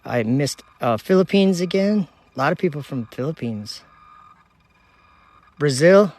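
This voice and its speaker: A man's voice: a little high, measured pace. A man from Minnesota hosting a casual outdoor livestream at night, chattily reading viewer comments and locations aloud while he runs a telescope. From Minnesota, United States. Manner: relaxed, reads viewer locations aloud in a chatty running list. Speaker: livestream host.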